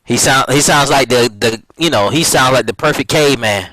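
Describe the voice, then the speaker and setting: A man hosting a casual chat, relaxed and jokey with blunt opinions. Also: mid-range voice, brisk, poor audio.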